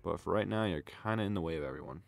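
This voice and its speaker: A man's voice: sits low, very fast, creaky. A young man giving loose, casual running commentary on fail clips, full of exclamations. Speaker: reaction video creator.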